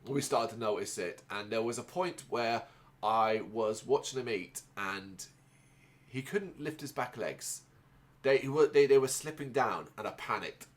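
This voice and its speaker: A man who grew up in Ireland speaks in a loose personal monologue at a middling pitch. He rambles, restarts his sentences and fills the gaps with ums and uhs. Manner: rambling, halting, with many restarts and fillers. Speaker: podcast host.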